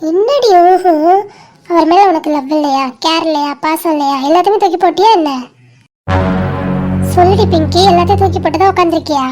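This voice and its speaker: A high-voiced performer as Malar, a bossy caring friend. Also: brisk, a little mellow, soft background music. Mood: scolding. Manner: scolding, insistent, teasing. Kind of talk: dramatic cartoon dialogue.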